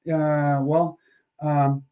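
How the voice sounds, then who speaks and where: A man's voice: a little high, flat delivery, drawn-out words, warm tone, clear, resonant tone. A man hosting a live coin auction, chatting and joking while he counts down bids. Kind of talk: casual live-stream auction chat.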